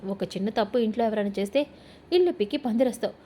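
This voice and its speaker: A woman voicing an angry, domineering middle-aged mother-in-law who scolds and insults loudly. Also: a little high, very fast, slight background noise, close to an everyday voice. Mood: scolding.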